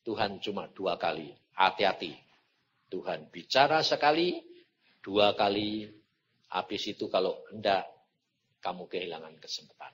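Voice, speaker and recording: Husky older male preacher, lively sermon. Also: low voice, moderate pace, long pauses. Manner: lively storytelling, acting out dialogue. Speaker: evangelist preacher. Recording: dull lo-fi recording.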